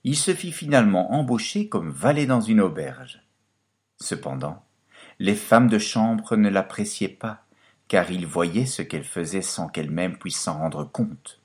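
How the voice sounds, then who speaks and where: A man reads a fairy tale aloud with a low, deep voice. His delivery is dramatic and sweeping, rising and falling widely as he tells the story. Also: measured pace. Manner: expressive storytelling, lively and dramatic. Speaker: narrator. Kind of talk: scripted fairy-tale narration.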